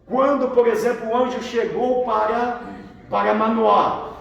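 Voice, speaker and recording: A very high, gravelly male voice with fairly even intonation and a slightly slow pace belongs to a Brazilian pastor teaching theology; the recording is muffled. He quizzes his students on the Bible, often repeating their answers, in a Brazilian Portuguese accent, heard far off in a large echoey room with faint noise.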